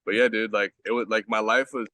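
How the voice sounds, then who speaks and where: A young man with a lowish voice tells his stories in loose slang, swearing often and filling gaps with "like" and "bro." The sound is close and dry, with no room around it. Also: little pitch movement, brisk, sharp tone, no echo. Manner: slangy, profane storytelling with many fillers. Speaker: guest, baseball pitcher. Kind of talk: casual podcast chat.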